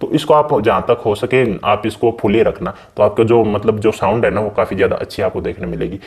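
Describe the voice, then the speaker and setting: A man's voice: fairly low pitch, steady tone, brisk, darkish tone. A man hosting a gaming channel, casually walking viewers through a game's settings in a chatty way and often calling them brother. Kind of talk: casual game settings walkthrough.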